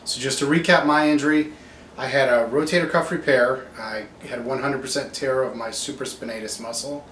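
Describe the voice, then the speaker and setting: A man's voice: medium pitch, fairly even intonation, brisk, fairly bright tone. Man, doctor's casual video diary, matter-of-fact explaining, roomy echo, faint background noise. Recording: echoey room, distant mic, faint noise.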